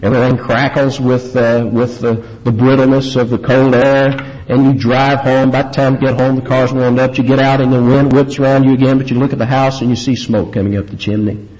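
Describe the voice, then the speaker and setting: A man's voice: medium pitch, level tone, a little fast, hardly any pauses, a little mellow. Emphatic preacher man, lo-fi recording. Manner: emphatic, vivid storytelling with rising stresses on key words. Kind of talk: expository sermon.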